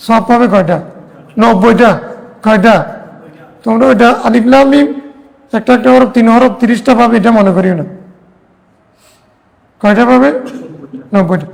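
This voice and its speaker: A man's voice: very high-pitched, gravelly, long reverb tail. A man teaching a hadith class, explaining step by step and asking his students questions that he answers himself. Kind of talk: religious class lecture.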